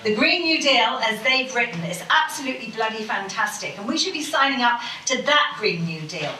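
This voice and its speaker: On a conference hall panel, a woman delivers an impassioned, rambling speech, swearing to drive her points home. Her fairly high voice is expressive, brisk, bright, and forceful. A distant room mic captures her from far off in an echoey hall, with a little hiss or hum.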